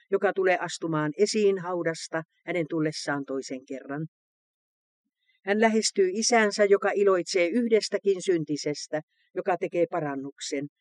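High-voiced man reading solemn scripture. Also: dry recording. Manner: solemn, measured.

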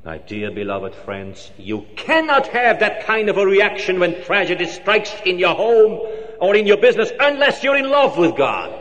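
A man preaching a sermon line by line for an interpreter, dropping low and soft for some story voices and rising high for others. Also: huge pitch swings. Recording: long hall reverb.

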